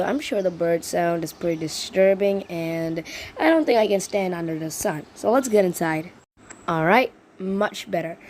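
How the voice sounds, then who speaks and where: A woman in a casual vlog, her voice a little rough from being sick, chatting in a rambling way and correcting herself. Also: mid-range voice, a little mellow, slight background noise. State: slightly sick voice. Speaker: vlogger presenting an invented world.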